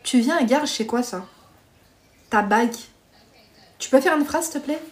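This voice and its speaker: A woman's voice: high voice, animated, moderate pace. A woman hosting a live stream, chatting bluntly with viewers, reading their comments and giving dating advice while calling them pet names.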